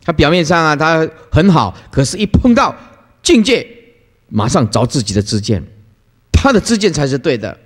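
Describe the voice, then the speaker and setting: A male Buddhist dharma master giving a sermon, telling stories and acting out the people he quotes, often with a laugh. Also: normal speed. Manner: lively storytelling, acts out quoted people with playful pitch jumps and laughter. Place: lecture hall. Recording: long hall reverb.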